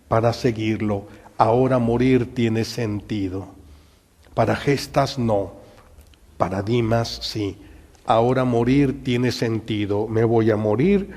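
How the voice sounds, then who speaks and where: Mexican priest preaching in an echoing hall. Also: male voice, mid-range voice, mellow. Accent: Mexican Spanish. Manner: dramatic storytelling preaching. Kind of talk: sermon. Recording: long hall reverb.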